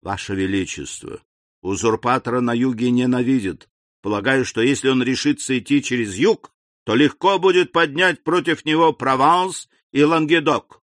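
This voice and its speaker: A man voicing a polite, ambitious young prosecutor who speaks to the king in a careful, measured way. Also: mid-range voice, a bit bright, no echo, natural voice. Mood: deferential.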